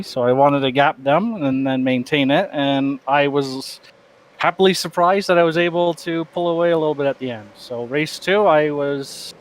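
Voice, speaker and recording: A man being interviewed after winning a sim race, calmly talking through his strategy. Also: on the high side, a little hiss or hum.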